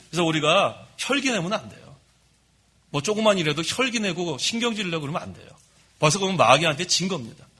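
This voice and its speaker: Bright, husky-voiced pastor preaching. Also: male voice, a little high. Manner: lively storytelling, admits his own faults. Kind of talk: sermon. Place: church sanctuary.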